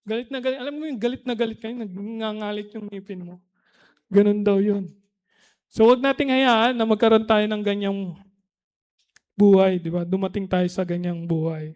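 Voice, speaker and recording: Man, pastor, high voice, conversational sermon, tag questions, mixes languages. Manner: switches between Tagalog and English mid-sentence; reads Bible verses aloud slowly, then explains them.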